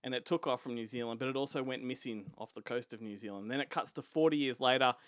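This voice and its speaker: An Australian man chats about a film he loves and laughs often as he tells its story. His voice sits at an ordinary middle pitch. It sounds close and dry, with no room echo. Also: quick pace, fairly bright tone. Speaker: podcast co-host. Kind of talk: casual chat.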